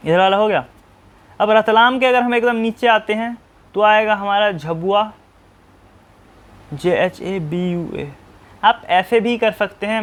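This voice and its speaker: High-voiced man spelling names out slowly. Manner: asks himself questions and answers them. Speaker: teacher. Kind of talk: map-drawing tutorial.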